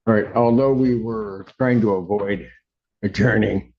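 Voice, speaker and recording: A man presiding as judge, captured on a courtroom recording, firm and quick to cut in with "hold on.". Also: on the low side, steady tone. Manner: firm, interrupts with repeated "hold on". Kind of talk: presiding over court hearings. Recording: dull courtroom audio recording.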